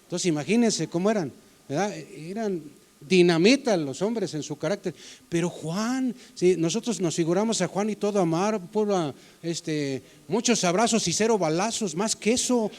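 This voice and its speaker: A man's voice: sits high, normal speed, a little mellow. A man preaching a sermon in a church as the pastor, in a conversational way, often asking the congregation questions.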